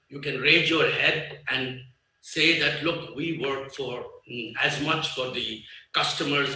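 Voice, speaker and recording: A man in his sixties with a Nepali accent gives a guest speech at a business conference. His voice is bright and forceful, a little raised in pitch, and he drives his points home by repeating them between hesitant fillers. He is picked up from some way off the mic, with a heavy hall echo. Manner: emphatic, repeats key phrases, pauses with fillers. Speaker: business leader, guest speaker. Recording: echoey hall, voice far from the mic.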